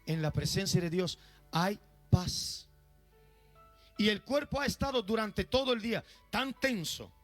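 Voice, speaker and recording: Male pastor, high voice, emphatic sermon delivery in church, faint music behind. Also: a bit bright. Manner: emphatic, often asks the audience questions.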